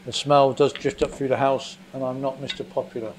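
Speaking briskly in a mid-range voice that barely moves in pitch, this English motorcycle mechanic presents a workshop demo, narrating each step as he takes an engine apart in his basement. He's methodical and plain-spoken, using small fillers while thinking aloud. Only his hands appear under the camera mic mounted above the bench, with an extractor fan humming faintly.

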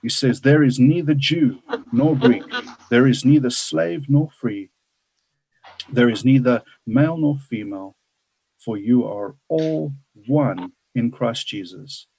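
A man in his forties teaching from the Bible on a video call, earnest and halting with fillers and restarts. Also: medium pitch, a little mellow, husky, rough recording. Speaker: bible study leader. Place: indoors with a forest virtual background. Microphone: webcam on a video call.

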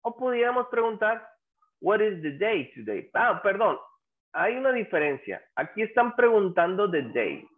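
Over narrow, tinny audio, a male English teacher with a high-pitched voice and big pitch swings speaks at a moderate pace. He patiently repeats example phrases and keeps asking the class questions, prompting students to answer.

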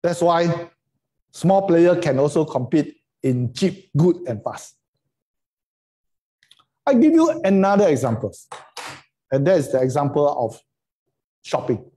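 A man's voice: fairly high pitch, very animated, unhurried, pauses often, mellow. A middle-aged Singaporean man giving an informal online lecture in colloquial Singlish, emphatic and full of rhetorical questions and tag words. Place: indoors, on a video call.

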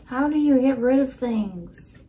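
A woman vlogging as she unboxes and sets up a new laptop, excitable and gasping, often dropping into whispered asides, recorded indoors by a camera on a tripod. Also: high voice, unhurried. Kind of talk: unboxing vlog narration.

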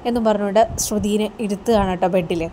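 Fast-talking woman recapping a TV serial. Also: a little hiss or hum. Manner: animated, raises her pitch when quoting characters; conversational fillers, asks listener "you hear?". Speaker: serial episode recap host. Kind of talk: casual storytelling recap.

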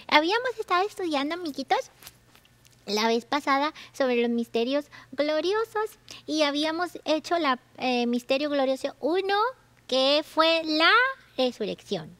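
A woman's voice: sits high, a bit bright, dry recording. A woman playing a playful, whiny little girl on a children's religious show, exclamatory and repetitive. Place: TV studio armchair set.

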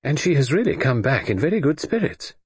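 A man's voice: mid-range voice, very animated, fairly quick, slightly rough, dry recording, pitched above the performer's own voice. A man reading an audiobook, voicing a tactful young female companion who speaks politely and hesitantly.

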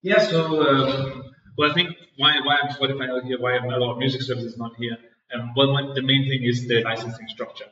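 Speaking brisk and sharp, with fairly even intonation in a mid-range voice, this Danish startup founder in his thirties fields interview questions at a co-working office. He stumbles through plenty of fillers and false starts. The audio is echoey, distant, and dull.

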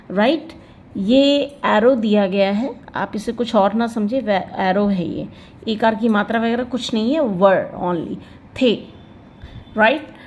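Woman, pronunciation teacher, slow and deliberate, fairly high voice, stretches out example words. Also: highs cut off. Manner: slow and careful, drawing out example words, asks the viewer "right?". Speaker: English teacher. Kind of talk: pronunciation lesson in Hindi.

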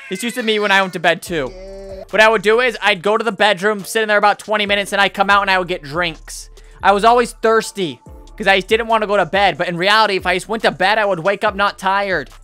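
Speaking close into a boom-arm microphone in a small indoor home studio, this reaction video host, a man in his 20s, reacts with slang-heavy, exclaiming incredulity. His high voice is sharp, clear and resonant, and the tone stays casual.

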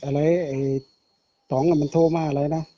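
A man's voice: a little high, flat delivery, normal speed, dark tone. A man asking an older woman short questions and prompts. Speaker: interviewer on the call. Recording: dull lo-fi sound.

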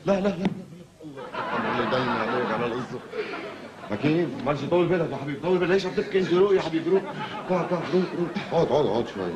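A Lebanese actor plays a comically flustered newlywed with two wives who rambles through his troubles. He talks at breakneck speed with a lively, swooping pitch. Loud noise fills the background. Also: very fast, dull audio, over a noisy crowd, close to an everyday voice. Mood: soothing. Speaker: patient in a comedy series. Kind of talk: comic TV acting.

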